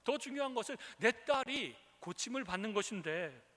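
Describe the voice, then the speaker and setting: A man's voice: high-pitched, very animated, normal speed, pushed and bright. A male pastor preaching a sermon, retelling scripture and acting out the quoted speakers. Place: church sanctuary. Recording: reverberant church hall.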